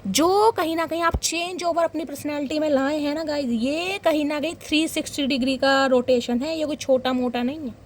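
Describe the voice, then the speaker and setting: A young woman reading tarot cards for her viewers. She talks in a dramatic, animated way and keeps calling them guys. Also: high-pitched, moderate pace, few pauses, slight background noise. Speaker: tarot reader.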